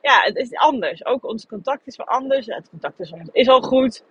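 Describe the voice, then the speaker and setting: A woman's voice: a little high, expressive, moderate pace, a bit bright, husky. A woman hosting a podcast, speaking candidly and thinking aloud in a reflective personal monologue. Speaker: podcast host. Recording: dull lo-fi recording.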